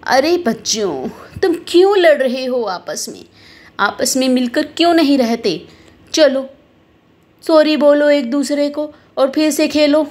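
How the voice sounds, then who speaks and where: A gentle elderly grandmother in a doll story, as a woman voices her, calming squabbling children and adults. She sounds soothing and gently admonishing, with a fairly high voice. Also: a little slow.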